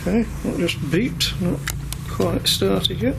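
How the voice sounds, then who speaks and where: A man giving halting, unscripted commentary as a paranormal investigator on a ghost hunt. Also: high-pitched, gravelly. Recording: very noisy location recording.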